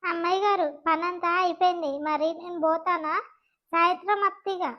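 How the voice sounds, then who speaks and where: A woman's voice: extremely high pitch, fairly even intonation, moderate pace, highs cut off. A woman voicing a chatty, deferential village maid with a Telangana accent. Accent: Telangana Telugu.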